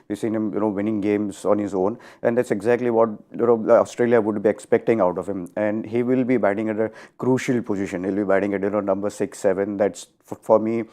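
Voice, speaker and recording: A man giving cricket analysis on a panel, measured and peppered with "you know". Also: fairly low pitch, fairly even intonation, warm tone.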